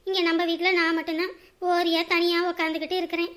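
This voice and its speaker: Woman acting as an old village mom, lonely and weepy, pleading, very high bright voice. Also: little pitch movement, quick pace. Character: lonely elderly village mother, tearful and tender. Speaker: village mother. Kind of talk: Tamil web drama acting.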